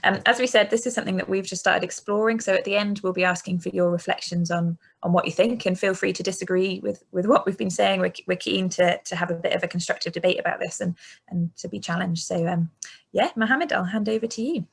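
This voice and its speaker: A woman's voice: lowish voice, fairly even intonation, fast, vocal fry, breathy edge. A woman hosting an informal webinar over a video call, speaking politely. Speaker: session host. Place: video call with screen sharing.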